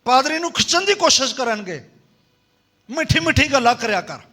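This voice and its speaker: A man preaching a sermon, leading the congregation in call-and-response and swinging between loud emphasis and soft low passages. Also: big pitch swings, normal speed. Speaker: pastor.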